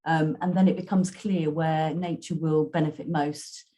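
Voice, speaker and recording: A woman's voice: sits low, steady tone, normal speed, warm tone. A woman chiming in on a webinar panel, hesitant and repeating words.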